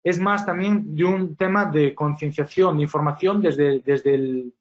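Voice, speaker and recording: A man's voice: on the high side, measured pace. Man explaining acoustics in a muffled webinar. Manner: explanatory, frequent rhetorical questions and "¿vale?" tags. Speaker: acoustics engineer presenting a webinar. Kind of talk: technical presentation.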